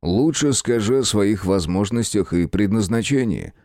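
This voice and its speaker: A man voicing a middle-aged prince and father, measured and dryly amused. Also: lowish voice, expressive, a little mellow, no echo, clean studio sound. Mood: calm.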